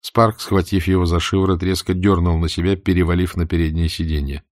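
A man reading a novel aloud as an audiobook narrator, in an even, unhurried literary reading. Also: low voice, no echo, clean studio sound. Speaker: audiobook reader.

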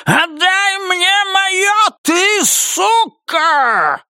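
A strange, otherworldly woman stepped out of a painting speaks with cool, measured command, voiced by a man reading the story. When she breaks, her voice rises into shrill, inhuman shrieking. The recording is close and dry, with no room around it. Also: big pitch swings, pushed and bright, no room sound, raised voice, heavily acted.

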